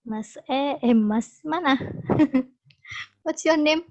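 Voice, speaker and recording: A woman teacher talks casually to her online class, upbeat and encouraging, laughing easily. Her voice sits a little high. The sound is dull and lo-fi, like a video call. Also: very slow. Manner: chatty and encouraging, laughs often. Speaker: English teacher. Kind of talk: casual online class talk mixing English and Indonesian.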